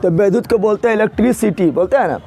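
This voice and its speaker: A man's voice: sits high, very fast, creaky, a little mellow. A man teaching a physics lesson, asking students questions and repeating key words again and again. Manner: repetitive call-and-response questioning. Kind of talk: classroom lecture.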